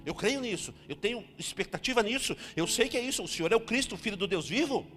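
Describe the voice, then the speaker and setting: A man's voice: high voice, expressive, fairly bright tone. A man voicing Marta as an eager, insistent woman who keeps talking over the other person. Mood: earnest. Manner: pushy and hurried. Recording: reverberant hall with faint music.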